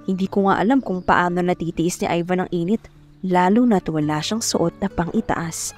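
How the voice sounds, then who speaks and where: A young woman with a fairly low, slightly mellow natural voice plays a shy, hardworking farm girl narrating her own story in a radio drama, speaking at a moderate pace over soft background music. She comes across as earnest, reflective and polite, turning hesitant when she addresses others in first-person narration and dialogue.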